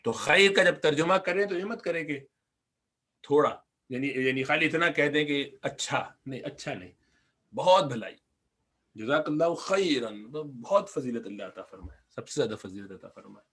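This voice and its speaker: A man's voice: fairly high pitch, animated, sharp tone. Patient Urdu-speaking Arabic teacher, man. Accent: Pakistani Urdu. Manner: explains patiently, repeats words slowly, asks the class questions. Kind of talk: recorded lesson.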